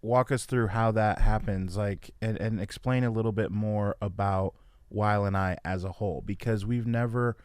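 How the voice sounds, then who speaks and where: A man's voice: lowish voice, steady tone, moderate pace, few pauses, darkish tone, clean tone, no room sound, studio quality. A man hosting a podcast, asking rambling questions and laughing easily. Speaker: podcast host. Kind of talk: casual interview chat.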